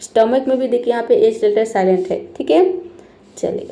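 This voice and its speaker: A woman's voice: on the high side, moderate pace, dark tone. Patient woman teaching English spelling. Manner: explains patiently and repeats each word, often adds "theek hai". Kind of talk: spelling lesson explained in Hindi.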